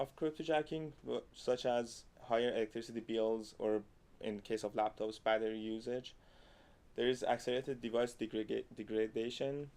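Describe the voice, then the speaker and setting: A man giving an academic conference presentation, halting, with frequent restarts. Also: medium pitch, darkish tone, clean tone.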